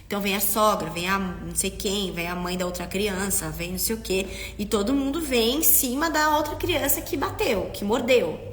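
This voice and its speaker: A woman's voice: mid-range voice, normal speed, few pauses, long reverb tail, soft background music. A woman hosting a live stream for parents, talking earnestly and often checking in with her listeners. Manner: acts out parents and children in quotes. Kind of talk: instructive live-stream talk.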